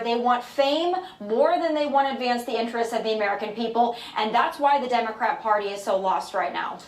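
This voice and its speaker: A woman commentator giving brisk, emphatic opinion on a cable news segment. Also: on the high side, echoey room, rough recording.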